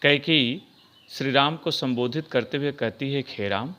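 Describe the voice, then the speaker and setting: A man teaching a Hindi poetry lesson in a formal, measured way, reciting verse in a drawn-out cadence. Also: mid-range voice, fairly even intonation, sharp tone. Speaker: Hindi lecturer. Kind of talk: classroom lesson explaining a poem.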